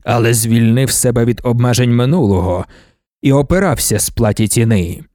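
A man voicing an ancient, imperious male god-emperor in an audiobook, speaking in a slow, measured, commanding way. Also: mid-range voice, mellow, no room sound, studio quality, voice pushed down, lightly acted. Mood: lecturing. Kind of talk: audiobook character voice.

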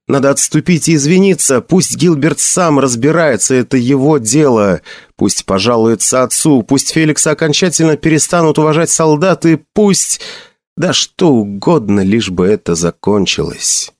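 A man reading a fantasy novel aloud as narrator, with expressive intonation. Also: mid-range voice, no room sound, clean studio sound. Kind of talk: audiobook reading.

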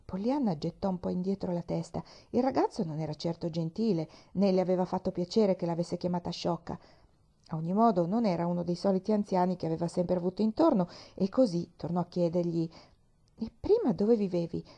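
A woman reading a children's novel aloud in a calm, measured storytelling voice. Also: on the low side, muffled recording. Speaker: reader.

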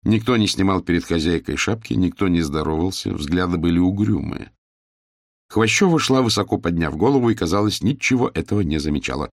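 A man narrating a novel as an audiobook in an expressive way. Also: low voice, brisk, no room sound, studio quality.

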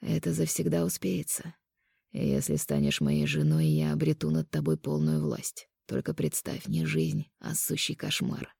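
A woman voicing a cruel male conqueror in an audiobook, speaking low, hushed and taunting. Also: lively intonation, unhurried, gravelly, husky, no room sound, studio quality, exaggerated voice. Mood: cold menace. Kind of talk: audiobook character voice.

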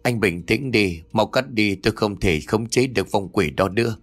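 Brief: male narrator voicing a stern old exorcist in an audio ghost story, low, grave and commanding, faint music behind. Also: normal speed. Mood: urgent.

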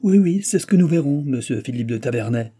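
A man's voice: mid-range voice, moderate pace, warm tone, breathy edge, close to an everyday voice. A man voicing a hot-tempered wounded nobleman who curses and blusters. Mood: angry. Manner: blustering, cursing.

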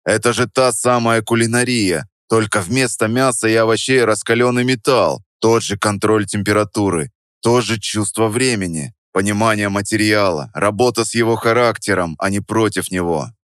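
Male narrator, first-person audiobook, steady delivery, low voice, dry studio sound. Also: moderate pace, no echo.

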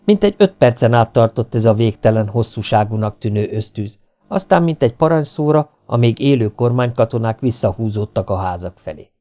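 A man reading an audiobook in a steady, measured narration. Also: medium pitch.

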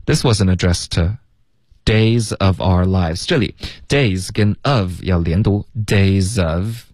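A man teaching English on a radio lesson, switching between Chinese and English and slowly drilling phrases. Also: low voice, a little mellow, no room sound, clean studio sound. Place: radio studio.

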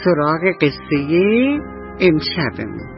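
A woman radio storyteller narrating a bedtime story for children in an affectionate, soothing, sing-song way, with a husky voice. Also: low voice, sing-song, dull audio, faint music behind.

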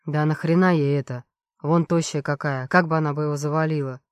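A woman voicing a rough, mocking male prison guard in a dry, close audiobook reading. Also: low voice, fairly even intonation, brisk, no echo, voice pushed down, close to an everyday voice. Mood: dismissive. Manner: gruff, insulting, mocking.

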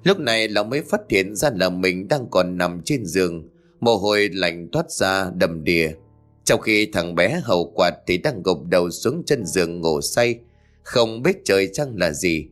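A man narrating a ghost story in a dramatic, expressive way. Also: low-pitched, measured pace, faint music behind.

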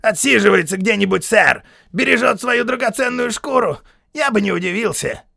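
A man voicing a crazed, murderous army sergeant who is fawning and sneering, with a shrill, barking delivery. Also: animated, normal speed, gravelly, pushed and bright, no room sound, studio quality, full character voice. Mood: manic.

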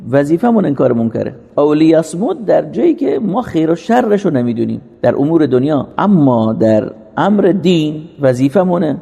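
A man's voice: a little high, creaky, warm tone, slightly rough. A man giving a religious lecture, earnest, asking and answering rhetorical questions. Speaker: religious teacher. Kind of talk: sermon-style lecture. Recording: long hall reverb.

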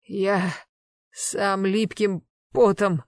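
A reader voicing a frightened young man in his twenties, hoarse and choking as he pleads. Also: high-pitched, level tone, very slow, no room sound, studio quality, exaggerated voice. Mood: shaken.

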